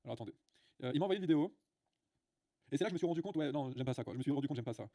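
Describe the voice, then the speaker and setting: A man's voice: on the high side, animated, very fast, heavy background noise. A man hosting a livestream, ranting bluntly to his viewers with many filler sounds and restarts. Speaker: livestream host. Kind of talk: casual livestream rant.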